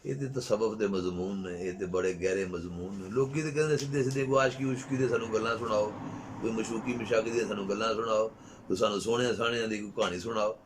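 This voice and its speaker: A man's voice: on the low side, fast talker, a little hiss or hum. Impassioned Punjabi man giving Sufi talk. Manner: impassioned, rising to loud exclamations. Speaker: Sufi speaker. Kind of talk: spiritual talk.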